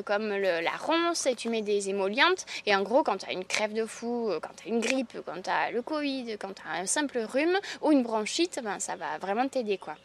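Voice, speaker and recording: A slightly high-pitched woman with a southwestern French accent from the Landes, talking about her craft in a relaxed interview. She speaks in a chatty, enthusiastic way, with frequent laughs and casual fillers. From Landes, southwest France. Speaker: herbalist.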